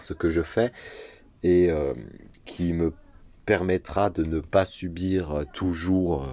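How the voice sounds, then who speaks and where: A teenage man speaks to his audience in a casual, hesitant way with many filler sounds. His voice is low for a man his age. The recording is dry and slightly lo-fi. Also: a little mellow, dry recording. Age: teens. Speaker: gamer and video creator. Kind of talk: casual talk to viewers.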